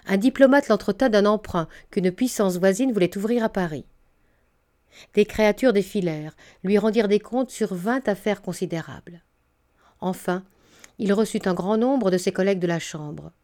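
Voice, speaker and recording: A woman narrating a literary audiobook in a steady, measured way. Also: mid-range voice.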